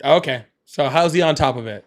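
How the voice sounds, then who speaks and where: A man with a slightly high voice hosts a live political call-in. He talks in a casual, conversational way and challenges points by picking at exact wording. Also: a little fast. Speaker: host of a call-in stream.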